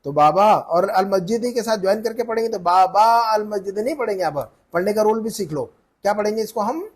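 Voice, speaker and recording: A man teaching Arabic grammar in a one-on-one lesson, explaining slowly and repeatedly asking his student questions. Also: sits high, lively intonation, husky. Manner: patient, repeats and quizzes the student.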